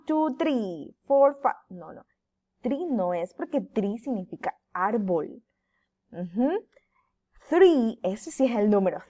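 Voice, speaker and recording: Slow, patient woman teacher. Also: mid-range voice, a little mellow. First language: Spanish. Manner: slow, drawn-out, exaggerated pronunciation drills. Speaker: English teacher. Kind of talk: bilingual classroom lesson for children.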